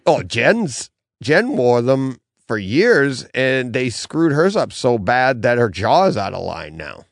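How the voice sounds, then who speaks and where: A man's voice: mid-range voice, sing-song, takes it slowly, vocal fry, dry recording, clean studio sound. Middle aged guy telling a story on a podcast, lots of laughing, bouncy voice all over the place. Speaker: podcast co-host. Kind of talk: casual chat, storytelling. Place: comic bookstore.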